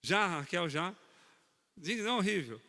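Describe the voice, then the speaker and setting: Man, preacher, animated sermon, raised voice, long hall reverb. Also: high-pitched, moderate pace. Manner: animated, talks straight to the congregation, teasing. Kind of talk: sermon on marriage.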